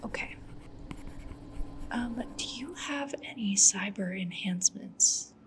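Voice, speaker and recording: In a whispered ASMR roleplay, a woman with a medium-pitched, breathy voice plays a polite, attentive cyberpunk matchmaker interviewing a client, asking gentle, unhurried questions. Sci-fi ambience and writing sounds sit clearly behind her voice.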